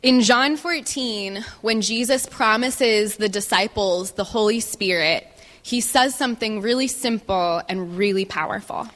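A woman giving a personal testimony as a guest speaker, speaking in measured phrases and pausing for an interpreter. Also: medium pitch, a bit bright. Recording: reverberant hall.

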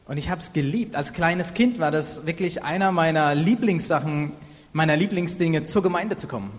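Male live interpreter, slightly high voice, halting with fillers, echoing hall. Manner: halting, many fillers and self-corrections. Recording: reverberant hall.

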